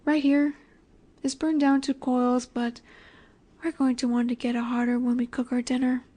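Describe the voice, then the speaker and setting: In an intimate roleplay audio, a woman voices a dominant yet nurturing snake-woman monster, speaking gently and coaxingly and often sinking toward a whisper. Her voice is high and level at a moderate pace, with a calm, instructive mood.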